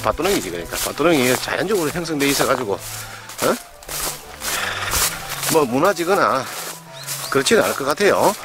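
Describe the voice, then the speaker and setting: A man's voice: medium pitch, big pitch swings, normal speed, long pauses. A man with a broad Gyeongsang accent hosting a casual, folksy on-site property tour outdoors on rural farmland, chatting to viewers as he points things out. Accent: Gyeongsang dialect Korean. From Gyeongsang region, South Korea. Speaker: real estate channel host. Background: background music.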